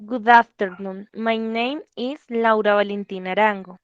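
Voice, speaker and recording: A Colombian woman in her twenties, a native Spanish speaker, giving a careful, halting self-introduction in learner English for class. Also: mid-range voice, fairly even intonation, smooth, phone-quality sound. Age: 20s. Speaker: psychology student. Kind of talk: slow read English class presentation.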